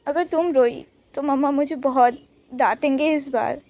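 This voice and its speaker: A woman's voice: high voice, steady tone. A woman voicing a tearful remorseful young man. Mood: coaxing. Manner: soft, halting and apologetic.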